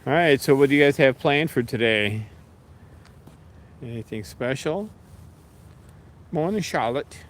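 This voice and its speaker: A man chatting casually with viewers on a livestream, relaxed and rambling, talking to his pets now and then. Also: medium pitch, unhurried, long pauses.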